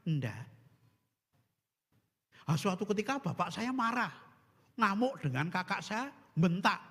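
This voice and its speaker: Lively priest in a hall. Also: male voice, sits high, normal speed, breathy edge. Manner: animated, humorous, mixes in Javanese phrases. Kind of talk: spiritual recollection talk.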